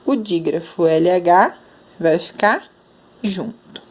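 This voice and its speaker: A woman's voice: lowish voice, expressive, darkish tone. Young female Brazilian schoolteacher, patient, stretches out syllables for children. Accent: Brazilian Portuguese. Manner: slow, drawn-out enunciation of sounds. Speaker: primary school teacher. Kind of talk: explaining lesson to children.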